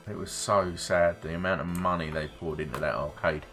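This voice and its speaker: A man's voice: low-pitched, fairly even intonation, moderate pace, a bit bright, soft background music. A middle-aged man streaming a game, rambling wryly between asides and swearing casually. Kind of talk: casual gameplay commentary.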